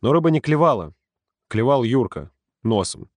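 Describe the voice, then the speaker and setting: A man narrating a story in a calm, steady audiobook reading. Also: medium pitch, moderate pace, dry recording, clean studio sound. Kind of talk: scripted narration.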